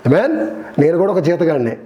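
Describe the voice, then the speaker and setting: A man's voice: fairly high pitch, fairly quick, highs cut off. A male preacher giving a sermon, telling stories with animal examples and often asking the congregation questions. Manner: lively storytelling, keeps asking the congregation questions.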